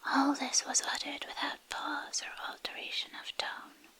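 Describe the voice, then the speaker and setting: A woman reads a literary fantasy story as ASMR in a breathy, intimate whisper, hushed and pausing between short phrases, close to a binaural microphone. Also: sits high, flat delivery. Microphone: close binaural microphone, ear to ear.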